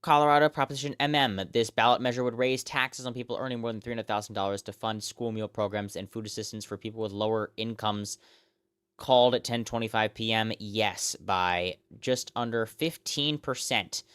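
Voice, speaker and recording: An American man hosting live, off-the-cuff election results commentary, reeling off figures and place names in a halting, repetitive way. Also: on the low side, fairly even intonation, a bit bright, clear, resonant tone, dry recording, clean studio sound. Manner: halting, often repeats himself, reels off figures and place names. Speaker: election night live stream host.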